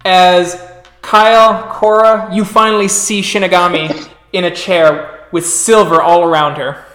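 A man's voice: sits high, steady tone, measured pace, fairly bright tone, reverberant, faint music behind. A man running a tabletop role-playing game as storyteller, describing scenes with easy laughs. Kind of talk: narrating a tabletop game over voice chat.

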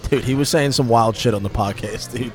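A man with an average-pitched voice co-hosts a loose, casual podcast. He talks like a frat bro, swearing freely and saying "dude" constantly, and he sounds a bit tipsy. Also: brisk, soft background music. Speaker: podcast host.

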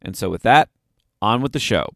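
A man co-hosting a podcast in casual chat, animated and often laughing. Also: on the low side, a little fast, vocal fry. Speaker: podcast co-host.

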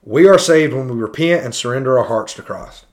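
A man's voice: medium pitch, animated, fairly quick. A man hosting a podcast, critiquing a sermon in a conversational way that thinks aloud with restarts. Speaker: podcast host.

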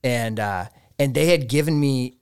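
A man's voice: medium pitch, measured pace, darkish tone, clean tone. A man telling anecdotes in a casual, slangy way, acting out bits of dialogue as he goes. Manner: laughs often, acts out dialogue, slangy. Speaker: podcast guest, trail builder. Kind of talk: animated anecdote, casual chat.

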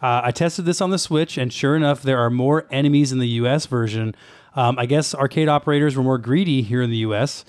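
A man hosting a relaxed, joking podcast chat and reading out a list of facts. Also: mid-range voice, a little fast, smooth, no echo. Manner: relaxed, joking, reads out segment lists. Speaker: podcast host. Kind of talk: casual chat.

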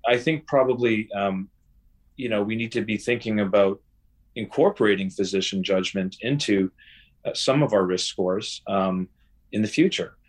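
A man interviewed as a guest researcher on a podcast, speaking in a measured way with frequent fillers and restarts. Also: fairly low pitch.

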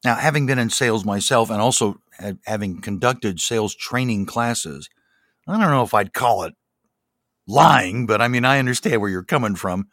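A man's voice: fairly low pitch, expressive, moderate pace, a bit bright, dry recording, studio quality. A middle-aged or older man hosting a podcast, moving between presenting and interviewing a guest. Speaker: podcast host. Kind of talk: scripted podcast intro and interviewing.

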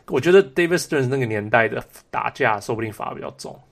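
A man's voice: medium pitch, animated, quick pace, creaky. A man casually discussing sports as a co-host, mixing English words into his speech. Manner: code-switches between Mandarin and English.

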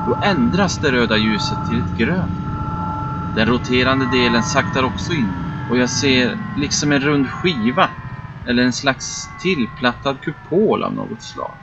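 A man telling a first-person story as scripted narration, in a measured, steady delivery. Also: mid-range voice, heavy background noise. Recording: dull, muffled recording with faint background music.

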